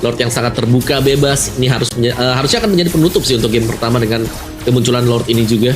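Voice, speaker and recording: A man's voice: mid-range voice, rapid-fire, over music. An Indonesian man giving live esports analysis and commentary in a conversational, emphatic way. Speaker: esports caster.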